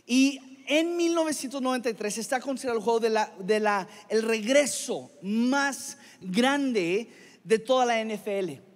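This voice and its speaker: Male pastor, high voice, slow scripture reading turning into casual chat with the congregation, long hall reverb. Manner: reads scripture slowly, then chats casually with the congregation. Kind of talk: sermon.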